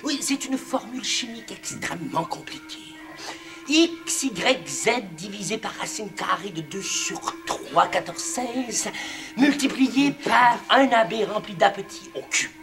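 An actor playing a boastful, friendly yet touchy devil in a children's TV comedy, repeating words emphatically. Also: male voice, sits high, expressive, unhurried, music in the background. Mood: secretive.

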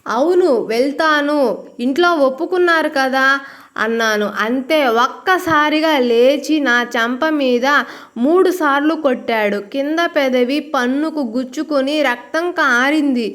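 A woman voicing a heartbroken young woman, a college student, in a hushed, tearful manner. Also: sits high, measured pace. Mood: upset.

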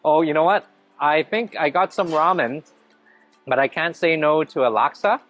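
A man's voice: a little high, normal speed, a bit bright, soft background music. A man in his thirties, a food vlogger, chatting enthusiastically as he walks a big indoor hotel buffet and eats, filmed on a handheld camera at arm's length. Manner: enthusiastic, narrates each dish as he eats. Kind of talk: casual food vlog narration.

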